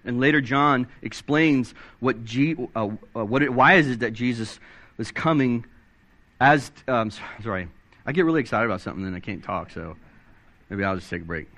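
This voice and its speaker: A man preaching a sermon, excitable and animated, reading scripture aloud and swinging his pitch up and down as he stresses points. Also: moderate pace. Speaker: pastor.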